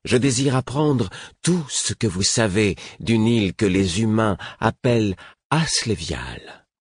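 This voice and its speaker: A cold, impatient female dragon who speaks slowly and deliberately, her threats pitched a bit above the reader's deep voice, as a man acts her out. The sound is husky and dry. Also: expressive, no room sound, exaggerated voice. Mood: menacing. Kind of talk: audiobook character voice.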